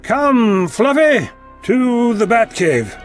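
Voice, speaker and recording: A man's voice: extremely high pitch, sing-song, extremely slow, soft background music, heavily acted. A man playing an eccentric, flippant time-travelling doctor in an audio drama, theatrical and playfully sarcastic.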